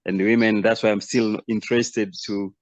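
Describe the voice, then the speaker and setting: A man from Tanzania, a doctor, introducing himself on a video call, halting and laughing lightly. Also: fairly low pitch, level tone, a little hiss or hum. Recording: dull, lo-fi call audio.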